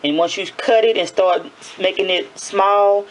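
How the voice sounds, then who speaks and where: Over some faint background noise, a woman talks through a hands-on tutorial. Her voice is medium in pitch and raspy, as in the early morning. She is casual and chatty, repeating herself and correcting as she goes. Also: fairly even intonation, a little slow, poor audio. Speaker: nail tutorial host.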